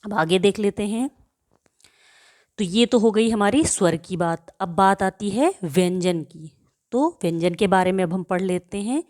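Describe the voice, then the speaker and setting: A woman's voice: medium pitch, darkish tone. A woman teacher giving a grammar lesson to children, asking questions and answering them herself, and stretching out example words so pupils can hear how they are pronounced. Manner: slow and deliberate, repeats questions and answers to drill pupils.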